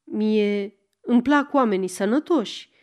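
A woman's voice: mid-range voice, darkish tone, close to an everyday voice. A woman reading as a bashful spinster. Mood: shy, hesitant. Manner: short, hesitant replies. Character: bashful unmarried woman around thirty seeking a husband.

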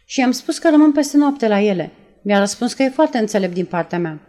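A woman reading aloud and voicing a nervous young woman who retells events in a breathless, halting way. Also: medium pitch, animated, mellow, natural voice. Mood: shaken. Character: nervous young woman, shaken after a shooting.

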